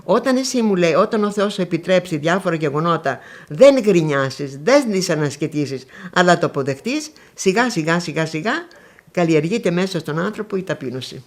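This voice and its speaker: Elderly woman, grandmother from northwestern Greece, interview, lively storytelling, plays out old conversations. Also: on the low side. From Konitsa area, northwestern Greece. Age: older. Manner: lively storytelling, acting out remembered dialogues. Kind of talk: recounting memories.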